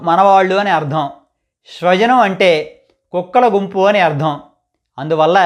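A man with a fairly high voice teaches pronunciation in a calm, scripted lesson. He goes step by step, saying single letters and sample words slowly and clearly, one after another. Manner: measured, methodical, spells out letters and example words one by one. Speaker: teacher of a literature channel.

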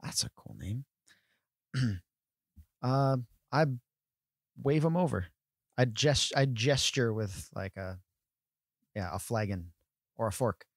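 A man's voice: medium pitch, lively intonation, takes it slowly, pauses often, no echo, clean studio sound. Jovial man playing a tabletop game. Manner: jovial, easygoing. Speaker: player.

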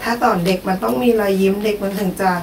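A woman teacher answering questions in a coaching session, speaking softly in short replies. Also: mid-range voice, steady tone, fast, gravelly, echoey room, distant mic, noisy background. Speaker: teacher and workshop participant.

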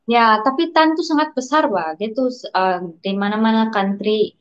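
Young Sabah Malaysian woman, higher-pitched voice. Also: normal speed. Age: young adult. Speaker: interview guest. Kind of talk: casual chat with English words mixed in. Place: small indoor room. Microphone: wired earphones on a video call. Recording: dull video call audio.

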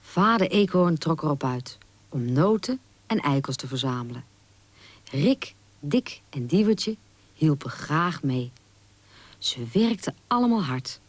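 A woman narrating a children's storybook gently and expressively. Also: sits low, unhurried, pauses often, no room sound. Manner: gentle, expressive, does small character voices in quotes.

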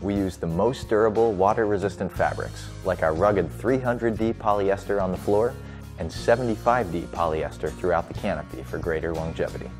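A man reading a scripted promotional voice-over with a smooth, polished delivery. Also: sits low, a little mellow. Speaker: product narrator. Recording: voice-over with light music underneath.

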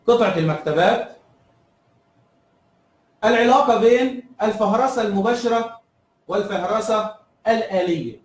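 A man's voice: high-pitched, reverberant, recorded from a distance, low-quality recording. A man with an Egyptian Arabic accent teaching a review lesson, asking his students questions and answering them himself, repeating key terms.

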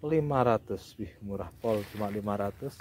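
A man's voice: on the low side, moderate pace, darkish tone. A man with a Javanese accent hosting a casual sales showcase in enthusiastic, exclamatory patter. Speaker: host presenting bonsai trees for sale. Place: outdoor yard of a village nursery. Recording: outdoor noise with roosters and birds. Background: roosters crowing, birds.

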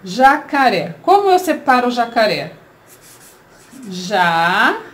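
A woman with a Brazilian Portuguese accent teaching a children's grammar lesson, explaining slowly and asking rhetorical questions. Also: a little high, big pitch swings.

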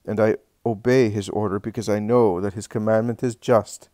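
A solemn male teacher speaking to a gathered crowd, read aloud by a man. The voice sits low and is recorded close and dry, with slow, measured emphasis. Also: steady tone, darkish tone, dry recording, close to an everyday voice. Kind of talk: reading a religious text aloud.

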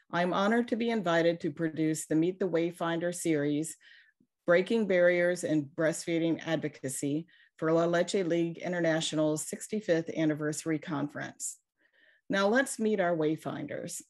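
A woman host giving a measured, formal scripted narration to introduce a series and its guests. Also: on the low side, a little mellow. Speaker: host, media editor.

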